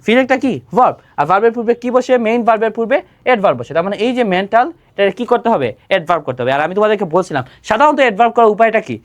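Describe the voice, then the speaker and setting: A quick-talking teacher, working through exam grammar. The voice rises and falls a lot, firing off a question and then answering it at once. It sounds like a close, dry recording. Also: mid-range voice. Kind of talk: exam-prep lesson explaining grammar rules.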